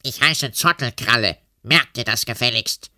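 A man voicing a grumpy, rude, hairy red earth monster with a rough, growling voice. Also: mid-range voice, moderate pace, pushed and bright, no room sound, clean studio sound. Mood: cheeky. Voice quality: rough, gruff. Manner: sulky, cheeky, growling.

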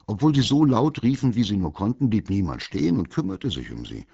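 A man reading a children's story aloud as the narrator, in a calm, measured way. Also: lowish voice, creaky, slightly rough, no room sound, highs cut off.

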